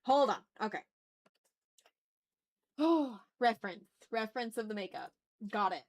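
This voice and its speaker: A woman hosting an art livestream talks in casual slang as she draws, murmuring to herself with mock-dramatic, exasperated remarks. Her fairly high voice has lively intonation and a slightly slow pace, with no echo.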